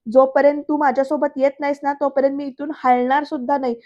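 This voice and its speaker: A woman's voice: sits high, little pitch movement, fast, muffled recording, close to an everyday voice. A woman voicing an angry, worried young woman who scolds her brother in a heated way. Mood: scolding.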